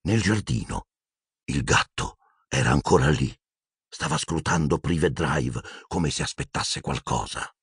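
A man narrating an audiobook in an expressive storytelling manner. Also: very deep voice, measured pace, husky, no room sound, clean studio sound. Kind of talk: scripted narration.

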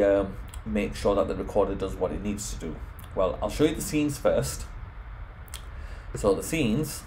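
Walking through software on screen, a man explains home automation step by step in an informal tutorial. His voice is lowish and darkish, and the audio is poor, with a little hiss or hum.

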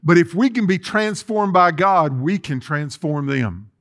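Reading scripture aloud in a sanctuary of empty chairs, a middle-aged pastor preaches with an animated, fairly high and fairly bright voice at a slightly slow pace. His sermon uses call-and-response, asking the congregation to echo him.

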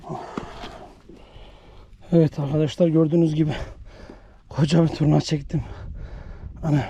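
A man filming himself fishing outdoors by a lake, talking breathlessly and excitedly and muttering prayers under his breath. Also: a little high, a little hiss or hum. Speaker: fishing vlogger.

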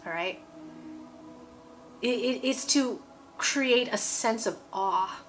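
Faint music plays behind a preacher in her forties as she gives a casual, emphatic sermon to camera at home. She speaks slowly in a slightly high voice, repeating phrases and asking "okay?".

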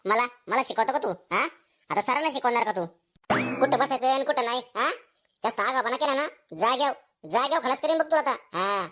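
A woman's voice: sits high, brisk, background noise, natural voice. A woman voicing a scolding male schoolteacher who hurls comic insults at his pupils in a village comedy skit. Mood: angry.

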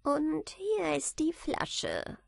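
Storybook fairy man, tiny and knowing, high airy tone, woman reader doing the voice, dry close sound. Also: wildly swooping pitch, extremely slow, gravelly, dry recording, exaggerated voice. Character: little old fairy man, pale, sly.

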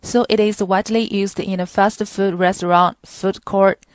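A woman narrating a scripted product demonstration in a plain, steady reading voice with small grammar slips. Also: medium pitch, moderate pace, dry recording. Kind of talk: scripted instructional voice-over.

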